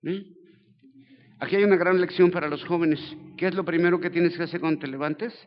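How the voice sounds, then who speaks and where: Older Mexican pastor, slightly high voice, humorous slangy preacher, muffled lo-fi church recording. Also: male voice, brisk. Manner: colloquial, joking, lively storytelling. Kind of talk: sermon.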